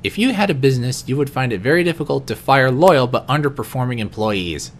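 A man reading personality quiz questions aloud in an unscripted vlog, answering each one in a quieter, lower voice with the odd stumble. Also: expressive, a little fast. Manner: occasional stumbles and restarts. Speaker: vlogger.

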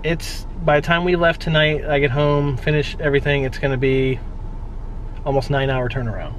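A man's voice: on the high side, steady tone, a little fast, a little hiss or hum, low-quality recording. A man in his thirties, co-host of a vlog, chatting casually and at length while sitting in a car at night. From central Florida. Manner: rambling, long-winded, repeats himself. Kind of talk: casual chat. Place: inside a parked car at night.

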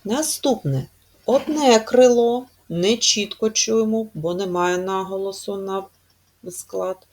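A woman teacher with a mid-range voice leads young children through a spelling lesson. She speaks slowly and emphatically, stretching out the stressed syllables.

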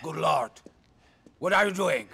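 An actor playing a volatile, furious mob boss in a video game cutscene. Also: male voice, on the high side, lively intonation, measured pace, vocal fry, husky, full character voice. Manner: furious, scornful and shouting.

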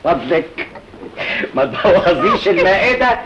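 An actor playing a joking, bossy but loving young husband, with an Egyptian Arabic accent and a quick bantering way of talking. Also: male voice, high voice, very animated, background noise. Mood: teasing. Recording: dull lo-fi old film soundtrack.

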